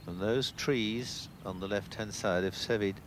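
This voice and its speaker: A man giving live golf commentary in an unhurried, conversational way. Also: on the low side. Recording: clear outdoor background noise.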